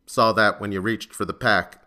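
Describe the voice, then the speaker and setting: A man voicing a fat, gruff middle-aged bartender who talks in a grumbling, shrewd way, in an audio story. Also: lowish voice, fairly even intonation, moderate pace, pushed and bright, pitched below the performer's own voice. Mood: gruff, wry.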